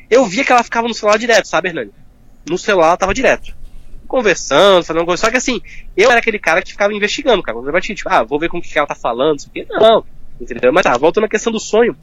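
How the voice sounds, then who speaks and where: A man's voice: high-pitched, a bit bright. A man, a guest talking candidly and informally, packing his speech with fillers. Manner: fast, informal, full of fillers like "cara". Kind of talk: candid personal conversation.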